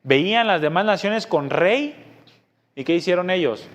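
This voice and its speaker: A pastor preaching emphatically, jumping from loud rhetorical questions to quiet asides. His voice sits fairly high for a man. A long church-hall reverb hangs on his lines. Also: animated, measured pace, lo-fi sound. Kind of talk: sermon.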